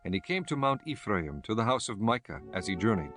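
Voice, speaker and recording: A man's voice: on the low side, big pitch swings, a little fast, fairly bright tone, faint music behind. A man giving a scripted narration of scripture as narrator of an audio drama.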